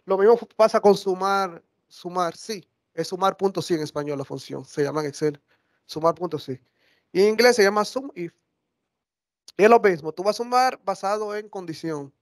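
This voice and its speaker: A high-voiced man walks a class through a live software demo. His delivery is chatty and he often stops to correct himself mid-sentence. The sound is dry and close, with little room tone. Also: moderate pace, no room sound. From Dominican Republic. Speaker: workshop instructor. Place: classroom or lecture hall.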